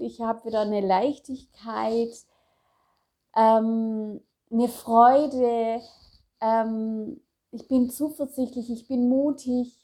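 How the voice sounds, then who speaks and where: Middle-aged woman coach, slow soft affirmations, personal motivational talk. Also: on the high side. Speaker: self-help coach.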